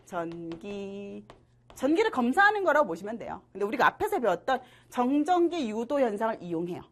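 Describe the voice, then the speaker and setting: A woman's voice: a little high, fairly quick. A woman teaching middle school science in an online lecture, playful and constantly checking that students follow. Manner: animated, asks students frequent check questions; jokey and playful.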